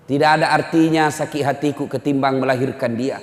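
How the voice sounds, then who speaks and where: A man's voice: mid-range voice, steady tone, brisk, close to an everyday voice. A man voicing an old mother who cries out and pleads for her son. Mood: tearful. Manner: crying, pleading out loud. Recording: echoey hall.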